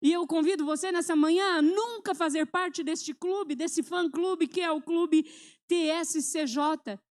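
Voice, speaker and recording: Brazilian woman pastor, sermon in church, high voice, swings from loud calls to the congregation to quiet retelling. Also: unhurried. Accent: Brazilian Portuguese. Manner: preaching with call-and-response to the congregation; shifts between loud exhortation and soft storytelling. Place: church sanctuary.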